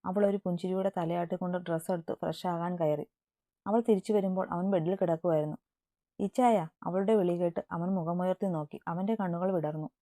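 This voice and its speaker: Woman storyteller, low warm voice, calm even read, dry close sound. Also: brisk, no room sound. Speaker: story narrator. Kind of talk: reading a romance story aloud.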